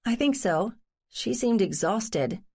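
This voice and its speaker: A woman's voice: medium pitch, expressive, takes it slowly, darkish tone, husky, full character voice. A woman, a cozy mystery narrator, voicing an earnest, wry, determined woman in conversational, explanatory audiobook dialogue. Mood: uneasy recalling.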